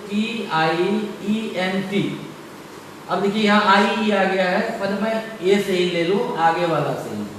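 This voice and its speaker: A man teaching an English pronunciation lesson, explaining each rule slowly and repeating it with emphasis. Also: high-pitched, fairly bright tone, a little hiss or hum. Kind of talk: classroom-style pronunciation lesson. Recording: far from the mic in a very echoey room, faint ambience.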